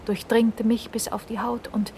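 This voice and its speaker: A woman's voice: a little high, level tone, a little slow, warm tone, a little hiss or hum. A woman reading her own first-person motivational text aloud, earnest and intimate, often dropping to a half-whisper and pressing the listener with urgent questions.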